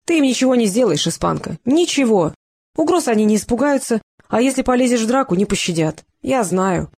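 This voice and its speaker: A frightened man, bruised and jumpy, spilling words nonstop in an audiobook, as a woman reader puts him on. The voice stays mellow and a little husky, and the lines push higher and slower as his nerves fray. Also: expressive, dry recording, studio quality. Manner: rattled, nonstop nervous talk. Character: frightened beaten-up man, nervous and talkative.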